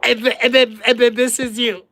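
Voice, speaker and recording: A woman's voice: a little high, flat delivery, a little fast, noisy background. A woman hosting a casual ASMR livestream, chatting and giggling with her viewers in a rambling way.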